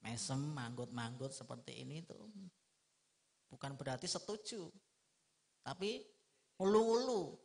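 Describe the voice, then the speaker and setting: A middle-aged man giving a lively, humorous religious lecture, asking his listeners rhetorical questions. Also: medium pitch, unhurried, creaky, pauses often. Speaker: Islamic preacher.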